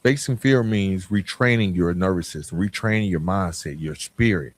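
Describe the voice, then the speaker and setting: Deep-voiced and moderately paced, the man running this motivational podcast talks colloquially and with conviction directly to whoever is listening.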